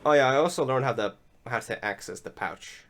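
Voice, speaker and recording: With game music playing behind him, a young man gives casual voice-over commentary on his gameplay, rambling with lots of fillers and restarts. His mid-range voice is fairly quick and a bit bright, recorded on a desktop setup.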